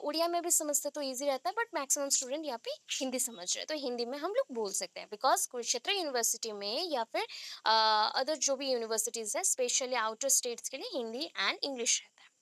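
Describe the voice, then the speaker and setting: A woman's voice: high-pitched, sharp tone, dry recording. A woman teacher giving a class over a video call, explaining step by step and often checking whether the students follow. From India. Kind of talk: online class lecture.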